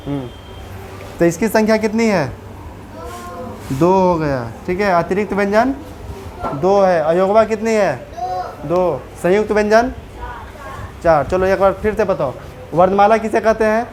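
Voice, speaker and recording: A woman's voice: medium pitch, a little slow, pauses often, darkish tone, a little hiss or hum. A woman teacher with a Bihari Hindi accent, giving a classroom grammar lesson and often asking the pupils questions to check they follow.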